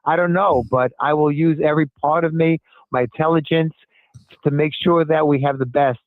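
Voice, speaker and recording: A man's voice: on the high side, steady tone, normal speed, no echo. An older man, a city commissioner, calling in by cell phone and answering interview questions in an earnest, emphatic way that repeats his points. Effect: heard over a cell phone line. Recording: tinny dry phone line.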